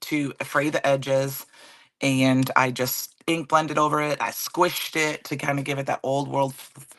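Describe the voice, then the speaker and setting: Raspy hoarse woman hosting a crafting stream. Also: very deep voice, little pitch movement, unhurried, fairly bright tone, a little hiss or hum. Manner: chatty, greets viewers by name. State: hoarse with a cold. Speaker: card-making livestream host. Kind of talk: casual live crafting demo.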